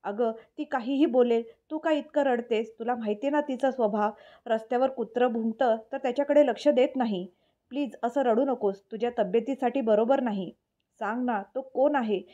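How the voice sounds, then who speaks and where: A woman's voice: a little high, normal speed, muffled recording, close to an everyday voice. A woman voicing a protective young man with a fierce temper, speaking sternly in a storybook reading. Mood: soothing. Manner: stern and forceful.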